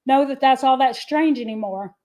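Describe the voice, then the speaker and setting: A woman's voice: high-pitched, normal speed, dark tone, poor audio. A woman chatting casually as co-host of a livestream, laughing often and reading comments aloud. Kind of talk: casual chat.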